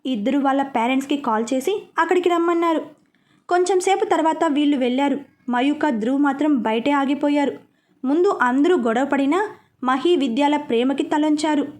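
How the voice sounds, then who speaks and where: A woman narrates a romance serial with a high voice. She keeps a steady, expressive storytelling flow. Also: a little fast.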